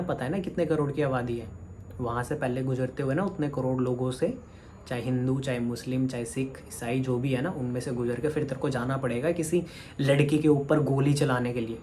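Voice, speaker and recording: A man's voice: mid-range voice, fairly even intonation, a little fast, dark tone, slight background noise. Man scolding a commenter straight to camera. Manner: scolding, addresses a commenter directly. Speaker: vlogger. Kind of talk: heated direct-to-camera rant.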